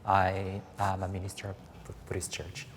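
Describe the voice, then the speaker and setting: A man in his forties from Japan who is a Buddhist minister speaks agreeably and easily on a discussion panel. His voice is somewhat low. The sound has a long reverb from a large room. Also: completely flat delivery, normal speed, a little hiss or hum. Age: 40s. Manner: agreeable, easygoing.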